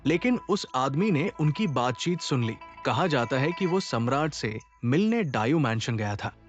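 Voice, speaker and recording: A man's voice: mid-range voice, lively intonation, moderate pace, natural voice. A man voicing a scheming court official in a dubbed TV drama, cold and commanding. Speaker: dub actor. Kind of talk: Hindi dub of a Chinese TV drama. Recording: dull dub track with music.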